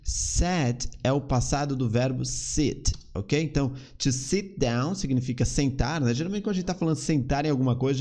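A man's voice: mid-range voice, warm tone. A man from Brazil, teaching English in a chatty way and repeating words to drill pronunciation. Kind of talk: casual online English lesson.

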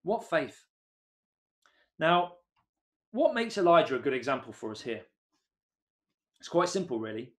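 Casting: man in his thirties, slightly high voice, earnest home-recorded sermon with bursts of excitement. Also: a little slow, long pauses. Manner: earnest, rises to excited emphasis on key points. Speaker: preacher. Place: home room, indoors.

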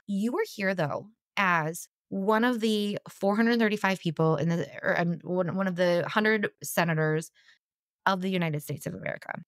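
A woman's voice: fairly low pitch, no room sound, clean studio sound. A woman co-hosting a political podcast, talking casually and restarting her thoughts as she goes. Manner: conversational, quick asides and restarts. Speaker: podcast co-host.

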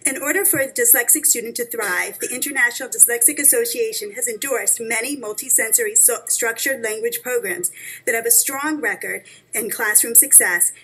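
A woman's voice: fairly high pitch, sharp tone, husky, poor audio. A woman in her thirties, a parent reading a prepared statement at a school board meeting with earnest urgency into a table microphone. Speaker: parent speaking at public comment.

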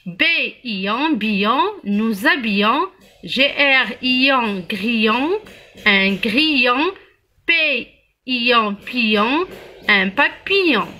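A woman teaching young children to read, spelling out letters and syllables slowly and praising the class often. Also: fairly high pitch, expressive, bright, forceful tone. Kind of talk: early reading lesson for young children.

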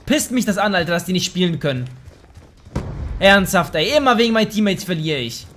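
Slangy, high-voiced young gamer guy. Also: a little fast, a little hiss or hum. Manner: slangy, swears and trash-talks; excitable outbursts. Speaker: let's play host. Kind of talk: casual gameplay commentary.

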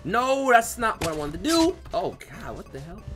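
Excitable gamer guy, wildly swinging pitch. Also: moderate pace, soft background music. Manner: excitable, yelling at the game. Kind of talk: let's play commentary.

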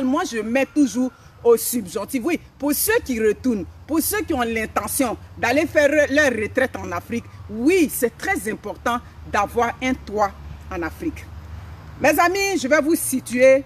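There's a little hiss or hum as a phone camera, a few steps back, records a middle-aged woman from Africa hosting an outdoor motivational live stream in a forest. With a fairly high pitch, she speaks emphatically and keeps repeating her phrases.

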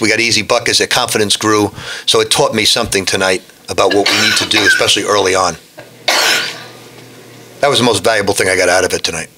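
Blunt older coach at a press conference. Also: male voice, lowish voice, bright, forceful tone. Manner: blunt, frank, with frequent restarts. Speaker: head basketball coach. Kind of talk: post-game press conference. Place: press room in front of a backdrop. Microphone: desk microphone.

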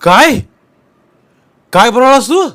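This is a man playing a rough village man with a twang, cornered and furious. The voice sits a little high, with loud, jumpy outbursts. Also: unhurried, natural voice. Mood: outraged. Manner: defensive, loud, agitated outbursts. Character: hot-tempered rural village man accused of murder.

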